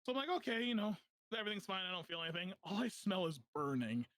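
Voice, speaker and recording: A young man hosting a podcast, telling a funny personal story in a casual, animated way, often laughing as he talks. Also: high-pitched, fast, dry recording. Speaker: podcast host.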